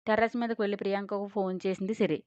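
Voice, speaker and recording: A woman host narrates a scripted audio story at a brisk, even pace. Her voice sits at a middle pitch, recorded close and dry with a slightly dull, lo-fi sound. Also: no echo.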